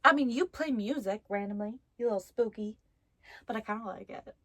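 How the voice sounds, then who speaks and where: Clean studio sound with no echo carries this woman's fairly high, fairly quick, slightly bright voice. She's hosting a casual haunted doll story vlog, reading stories and chatting playfully with viewers and the things around her.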